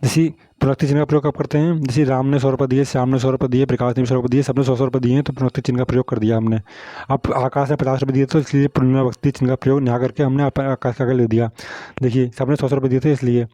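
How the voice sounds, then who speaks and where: A man's voice: medium pitch, flat delivery, very fast, warm tone, dry recording. A man teaching a Hindi grammar lesson, explaining punctuation marks and often asking whether students understood. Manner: repetitive, asks "samjhe?" often.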